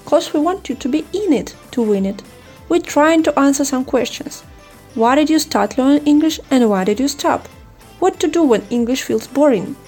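A woman's voice: high voice, darkish tone. A woman from Russia co-hosting a podcast, reading a scripted introduction. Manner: reads prepared lines. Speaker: podcast co-host.

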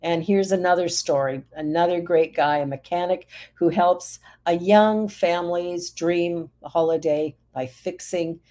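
A man's voice: high-pitched, steady tone, a little slow, hardly any pauses, warm tone. A man hosting a show and reading uplifting news stories, adding emotional, chuckling asides. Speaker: host and minister.

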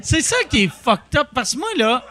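Excitable Québécois man, high and lively. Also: moderate pace. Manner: excitable, joking banter. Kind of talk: casual chat.

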